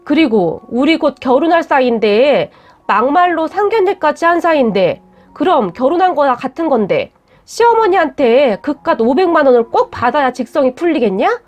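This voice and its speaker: A woman's voice: sits high, sing-song, moderate pace, a little mellow, faint music behind. A woman voicing a curt, defensive young man who talks bluntly and scolds. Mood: blunt, angry.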